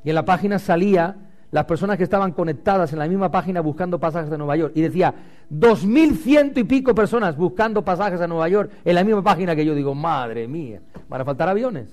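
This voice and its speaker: A man preaching a sermon as pastor, swinging loud and rising to low and quiet. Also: fast, soft background music.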